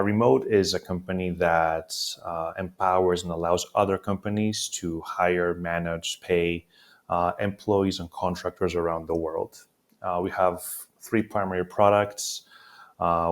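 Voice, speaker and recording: Male guest from Greece, very deep even delivery, measured and explanatory, lots of "uh" fillers. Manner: steady explanatory talk with frequent "uh" fillers. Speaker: guest, payments executive. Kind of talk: conversational interview answers.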